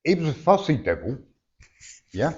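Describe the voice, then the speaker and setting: At a live event, a man working as a medium gives a sitter a blunt, conversational reading, often asking "yeah?" along the way. His fairly high voice swings widely in pitch at a moderate pace with a slightly mellow quality, and his speech is a little slurred because he has no teeth. The live recording sounds dull and lo-fi.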